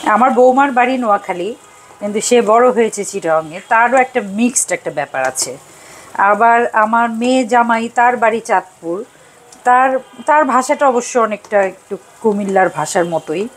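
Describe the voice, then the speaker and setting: A woman's voice: mid-range voice, slight background noise, rough recording. An older woman from Bangladesh hosting a cooking show, chatting in a rambling, casual way and chuckling often as she cooks in a home kitchen. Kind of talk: casual chat while cooking. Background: faint sizzle of frying.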